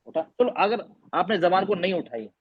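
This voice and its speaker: A man with a husky, fairly high voice leads an online recitation lesson, repeating letter sounds as demonstrations and quizzing his students. The sound is dry and close, with no room around it. It comes through the dull, lo-fi audio of a video call. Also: expressive, no echo. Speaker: Quran recitation teacher. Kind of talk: online class teaching.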